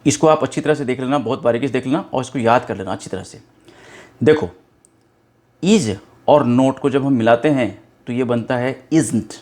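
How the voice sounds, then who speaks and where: Hindi-accented man teaching English slowly. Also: mid-range voice, darkish tone. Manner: explanatory, slowly spelling out and repeating words. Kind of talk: spoken English lesson.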